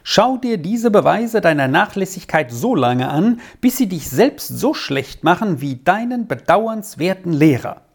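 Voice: medium pitch, sing-song, measured pace, hardly any pauses, breathy edge, pitched above the performer's own voice, heavily acted. A reader voicing a stern, scolding headmaster. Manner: scolding, indignant, lecturing. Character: stern, pedantic male school headmaster. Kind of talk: audiobook reading of a letter.

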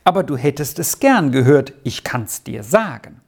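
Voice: mid-range voice, very animated, normal speed, creaky, darkish tone, slightly rough, exaggerated voice. A reader voicing a sturdy, broad ten-year-old boy who is pushy and mocking, in a storybook reading. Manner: insistent, teasing.

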